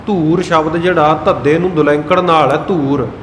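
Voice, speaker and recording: A man giving a sermon on scripture pronunciation, who chants lines slowly and then explains them. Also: on the high side, fairly even intonation. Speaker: Sikh preacher (giani). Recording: echoey hall with faint noise.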